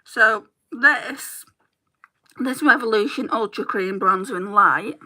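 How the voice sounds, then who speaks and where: A British beauty vlogger hosts a livestream while doing her makeup, rambling as she greets viewers by name, and her throat is getting a little sore. Her voice is on the high side, pushed and bright, and she speaks slowly.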